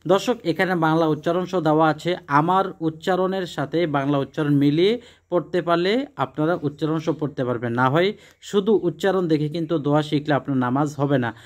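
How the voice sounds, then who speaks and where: A man teaching how to recite the daily prayers, explaining plainly and then chanting each phrase slowly and carefully, repeating words to correct pronunciation. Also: on the high side. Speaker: religious teacher. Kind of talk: instructional prayer recitation lesson.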